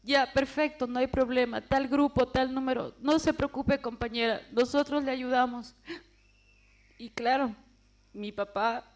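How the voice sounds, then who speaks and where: A woman telling her personal testimony as a vivid story, acting out the voices of the people in it. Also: a little high. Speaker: testimony speaker.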